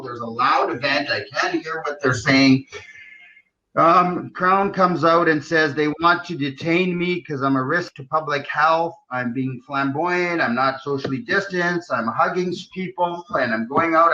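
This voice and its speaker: A man's voice: a little high, bright, forceful tone. A middle-aged man telling his own story on a live stream, agitated and indignant, acting out what others said to him. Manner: agitated, indignant retelling with quoted dialogue. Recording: dull lo-fi stream audio.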